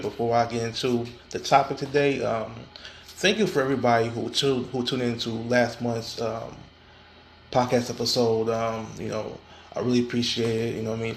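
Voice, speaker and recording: On his own casual podcast, a man talks alone to his audience in a gravelly voice of middling pitch. His speech is full of fillers, restarts and stammered repetitions, and there's a faint hiss under the audio.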